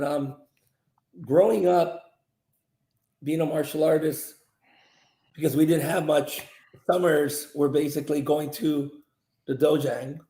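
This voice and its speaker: This fairly high, mellow voice belongs to a man in his fifties, originally from South Korea, who is a martial arts grandmaster. Interviewed, he wanders through his answers, often restarting and leaning on fillers, with a roomy echo around him.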